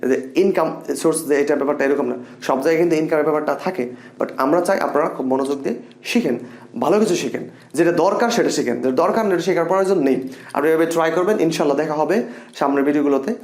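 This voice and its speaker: Young male tutor, expressive and upbeat, slightly high voice, echoey room. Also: fast. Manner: animated and expressive, repeats example sentences. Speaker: English teacher. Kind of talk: casual spoken lesson.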